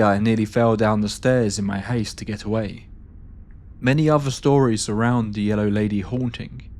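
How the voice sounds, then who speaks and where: A man narrating a first-person ghost story in a steady, measured reading style. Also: on the low side, slight background noise.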